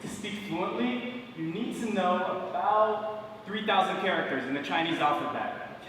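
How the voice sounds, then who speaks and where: A man's voice: sits high, animated, a little slow, a bit bright, slight background noise. Young man doing playful magic patter. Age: 20s. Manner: playful, joking with an audience volunteer. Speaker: stage magician. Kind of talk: live stage magic patter. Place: large indoor theater stage. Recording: echoey theater hall, distant mic.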